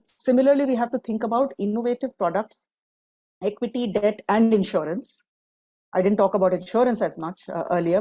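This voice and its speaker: A woman's voice: medium pitch, dark tone, dry recording, rough recording. Woman listing points in long runs. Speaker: guest panelist, climate fund partner. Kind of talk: panel discussion.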